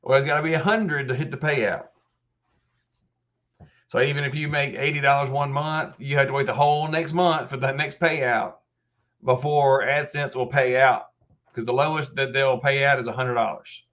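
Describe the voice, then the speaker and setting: A man's voice: mid-range voice, steady tone, normal speed, fairly bright tone, highs cut off. A man in his fifties hosting a live question-and-answer stream, explaining step by step in a casual way with many restarts. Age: 50s. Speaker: host of a live help desk stream.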